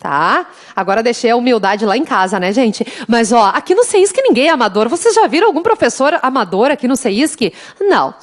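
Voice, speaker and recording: In a slightly high, sing-song voice, a little fast and with few pauses, a southern Brazilian woman from interior Rio Grande do Sul teaches law exam prep online. She's teasing and chatty, warmly saying "gente" to her students, and sings a mnemonic samba during the lively class.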